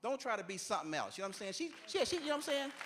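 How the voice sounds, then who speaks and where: A man in his forties works a church crowd as a stand-up comedian. His voice sits high for a man and swoops up and down as he talks, loose and chatty, with a drawling, streetwise turn of phrase. He keeps checking in with "you know what I'm saying.". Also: very animated, very fast, background noise. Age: 40s. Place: church stage.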